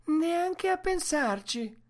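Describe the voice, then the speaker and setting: A woman voicing a fussy, pleading young woman in a storybook reading, high and tearful. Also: expressive, very slow, darkish tone, full character voice. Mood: dismayed.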